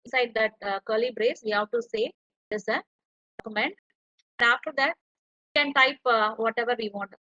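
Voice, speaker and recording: Woman, lecturer, step-by-step online tutorial, crisp bright tone, dry lo-fi call sound. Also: fairly high pitch, steady tone, moderate pace, pauses often, no room sound. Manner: explains step by step while typing.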